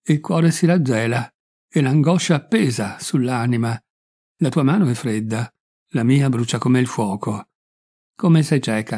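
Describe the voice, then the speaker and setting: Mellow-voiced man reading a novel aloud. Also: mid-range voice. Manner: measured, emotive, lingering on phrases. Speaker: audiobook reader. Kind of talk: literary reading, first-person narration.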